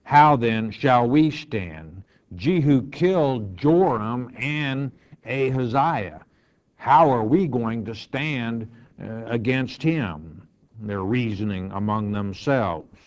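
A man's voice: mid-range voice, expressive, slow, muffled recording. A male pastor teaching verse by verse, reading scripture aloud and then explaining it in plain words.

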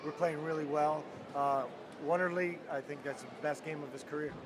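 A middle-aged coach speaks plainly and upbeat in a slightly high voice from an arena floor. Clear arena noise runs behind him. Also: male voice, fairly even intonation, normal speed. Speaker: head coach. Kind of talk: postgame interview. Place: indoor soccer arena floor.

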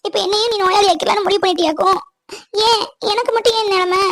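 A woman voicing a gentle, dutiful young woman in a cartoon who talks in a sorrowful, pleading way, often near tears. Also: extremely high pitch, steady tone, fast talker, no room sound. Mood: tearful. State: crying. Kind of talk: cartoon voice acting.

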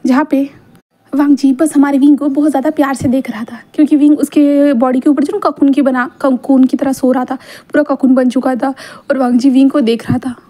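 A woman's voice: sits high, level tone, brisk, dark tone. A woman narrating a fan fiction love story in a chatty storytelling manner, full of fillers. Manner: chatty code-mixed storytelling, many fillers.

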